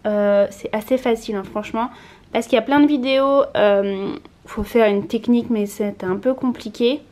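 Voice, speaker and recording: A woman casually talking through a home DIY project for her vlog, relaxed and chatty, with frequent small hesitations. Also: a little high, normal speed. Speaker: lifestyle vlogger. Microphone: compact camera mic.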